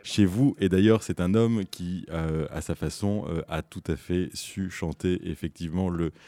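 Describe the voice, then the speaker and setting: Deep-voiced male radio presenter. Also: steady tone, normal speed, warm tone, no room sound. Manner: enthusiastic, hesitant with fillers.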